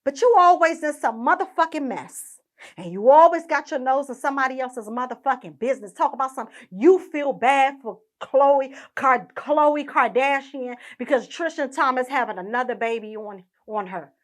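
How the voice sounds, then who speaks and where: A woman's voice: sits high, normal speed. A young woman hosting her own podcast, ranting indignantly and swearing constantly. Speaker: podcast host. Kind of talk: profane ranting monologue.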